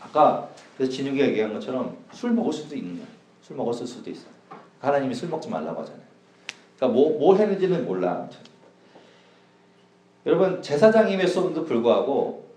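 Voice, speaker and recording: A man gives a casual sermon to young adults, chatting and joking with them, his voice mellow and his pitch rising and falling in lively swings. It is picked up from some distance in an echoey church hall, with faint noise behind. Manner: chatty, jokes with the audience, swings loud and soft. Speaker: youth pastor.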